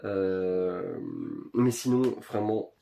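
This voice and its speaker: A man's voice: deep voice, drawn-out words, vocal fry, warm tone. Chatty young guy. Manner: chatty, lots of fillers and self-corrections; jokey, slangy asides. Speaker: video creator showing his purchases. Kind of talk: casual unboxing chat.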